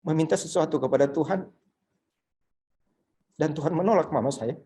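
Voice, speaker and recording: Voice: medium pitch, moderate pace, warm tone. Emphatic preacher on a video call. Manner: emphatic, repetitive storytelling. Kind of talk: sermon over video call.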